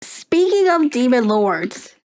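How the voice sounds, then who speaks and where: On a live stream, a young woman with a high-pitched voice chats slowly and casually. Her talk is rambling and excitable, filled with filler words and laughter.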